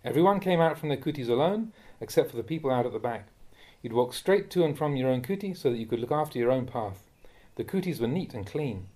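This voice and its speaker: A man, a monk, reading a Dhamma talk aloud in a measured, admonishing way that rises sharply when he scolds. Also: medium pitch, expressive, mellow. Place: monastery.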